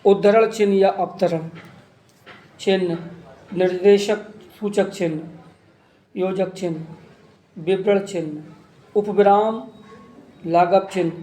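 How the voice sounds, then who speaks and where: A man's voice: sits high, warm tone. A man teaching an exam-prep grammar lesson, listing terms and examples one by one. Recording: echoey room with faint ambience.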